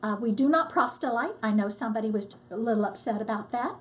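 An older woman, a disaster relief volunteer, telling her story in a lively, casual way and acting out what people said. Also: a little high, fast. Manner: lively storyteller, acts out quotes. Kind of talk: casual testimony.

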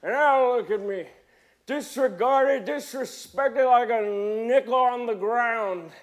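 A cranky old-timer griping about modern gadgets and lost respect, as a man puts him on. His voice sits very high and thin for a man, and he drawls along at a slow, dragging pace, rambling in folksy asides. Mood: indignant. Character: grumpy nostalgic old man, complaining about modern times. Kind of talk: comic character monologue.

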